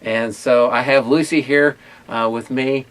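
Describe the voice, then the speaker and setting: A man hosting a casual food tasting video, talking in a halting way with many pauses and fillers. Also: mid-range voice, steady tone, fairly bright tone, smooth. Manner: hesitant, many fillers and restarts. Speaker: ministry owner and host. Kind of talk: casual chat and taste test.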